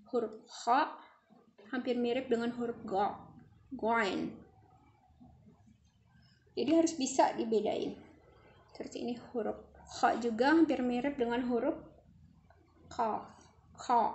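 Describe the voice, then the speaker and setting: A woman gives a casual reading lesson, patiently saying each letter sound over and over so learners can hear the difference. Her voice sits a little high. The room around her is roomy and echoing. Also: a little mellow. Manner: patient, demonstrates letter sounds by repeating them. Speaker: Quran reading teacher.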